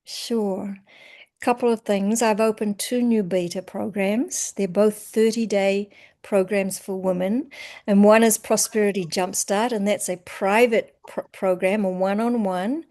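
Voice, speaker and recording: A woman, a coach talking about her work in a casual interview. She speaks in a relaxed, reflective way and often trails off softly at the ends of phrases. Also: mid-range voice, unhurried. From New Zealand. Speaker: empowerment coach.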